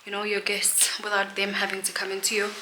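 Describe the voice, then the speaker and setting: A woman's voice: medium pitch, completely flat delivery, fairly quick. A young South African woman, a realtor, chatting casually on her vlog, laughing often and slipping in Zulu words. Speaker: realtor vlogger. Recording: echoey rooms with clear noise behind.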